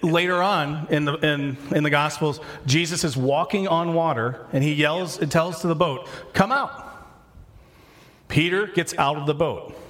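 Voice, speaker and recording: A man's voice: fairly high pitch, fairly bright tone. A man preaching a sermon, talking through scripture casually and often restarting his sentences. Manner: conversational, self-correcting, talks through scripture casually. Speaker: pastor.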